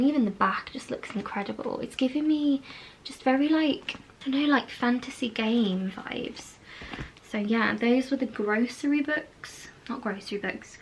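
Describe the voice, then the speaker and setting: A woman's voice: mid-range voice, slight background noise, rough recording. A woman chatting casually as a book vlogger and indie author, rambling along with plenty of fillers. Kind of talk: casual chat. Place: indoors at home, lit by a ring light.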